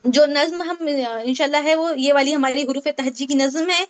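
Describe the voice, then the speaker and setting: A woman's voice: high-pitched, fairly even intonation. A woman teaching a Tajweed class online, explaining step by step, asking the class questions and repeating key points. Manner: explains with questions and repetition, mixes English terms. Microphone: online meeting call.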